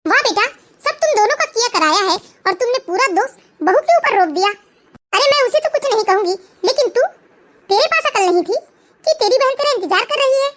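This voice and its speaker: A woman's voice: extremely high pitch, expressive, fairly quick, a bit bright, slight background noise, voice pushed up. A woman voicing a stern, scolding middle-aged mother-in-law in a cartoon family drama. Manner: scolding, interrogating.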